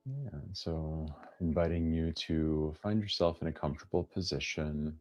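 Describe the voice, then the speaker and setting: A man with a very deep voice leads a guided meditation as its teacher. He gives gently inviting instructions, leaving long pauses between phrases.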